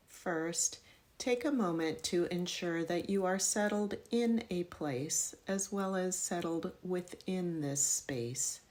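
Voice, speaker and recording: Gentle and instructional, a woman with a low voice leads a meditation in the yoga nidra tradition. Her pace is very slow, and she sets out every instruction in careful, measured phrases.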